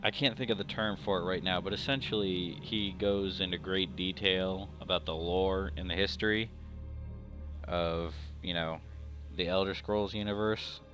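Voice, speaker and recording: A man's voice: deep voice, fairly even intonation, normal speed, fairly bright tone, soft background music. A man hosting a gameplay video, chatting casually with lots of fillers, and hiccuping. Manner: rambling, filler-heavy, self-deprecating. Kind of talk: casual let's-play commentary.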